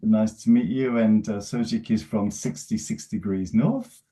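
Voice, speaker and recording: A man's voice: on the low side, unhurried, warm tone. A man moderating a webinar on a video call, friendly as he introduces panelists and sometimes stumbles over their names. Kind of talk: hosting a webinar.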